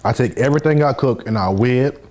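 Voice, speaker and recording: Easygoing man with a mellow voice. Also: mid-range voice, fast. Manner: explains step by step, easygoing. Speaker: fitness coach. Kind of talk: casual chat.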